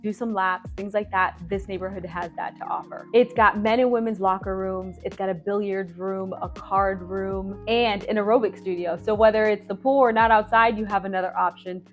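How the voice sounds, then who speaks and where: A woman's voice: medium pitch, steady tone, normal speed, few pauses, faint music behind. A woman from Florida giving a chatty, casual walkthrough of neighborhoods as a real estate vlogger, with informal asides.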